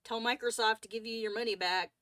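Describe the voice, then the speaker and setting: A woman's voice: fairly high pitch, steady tone, quick pace, a bit bright, dry recording. A woman hosting a coloring livestream, chatting casually and rambling with lots of fillers and restarts.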